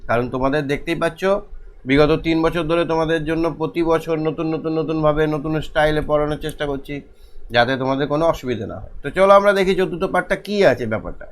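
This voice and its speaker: Man teaching small children, somewhat high voice. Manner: slow, deliberate, repeats questions for children. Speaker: primary school teacher, channel host. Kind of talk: online lesson for young children.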